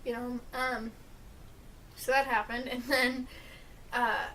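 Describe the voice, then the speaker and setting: A woman's voice: a little high, slow, recorded from a distance, a little hiss or hum, low-quality recording. A young woman co-hosting a casual podcast, telling family stories with lots of laughter. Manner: animated storyteller, laughs often. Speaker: podcast co-host. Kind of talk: casual chat.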